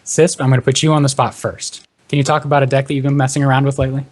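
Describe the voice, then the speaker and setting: A man hosting a panel podcast, rattling through introductions at a quick clip. His voice sits mid-range, and he keeps things upbeat and moving. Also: mid-range voice, flat delivery. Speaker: podcast host. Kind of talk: hosted panel discussion.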